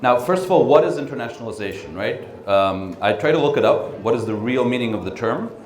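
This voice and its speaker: A middle-aged man giving a training lecture, relaxed, with frequent ums and tag questions. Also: mid-range voice, brisk, slight background noise. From born in Russia, raised in the United States and the Netherlands. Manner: relaxed, frequent ums and uhs, asks "right?" often. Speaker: training speaker. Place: conference room. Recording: echoey room.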